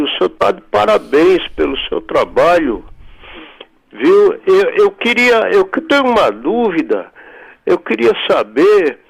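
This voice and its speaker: A man's voice: high-pitched, vocal fry, slightly rough, poor audio. An older man with a São Paulo accent calls in over the phone with a question. He hesitates and repeats his words. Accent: São Paulo Portuguese. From Brazil. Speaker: caller. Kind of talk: call-in question.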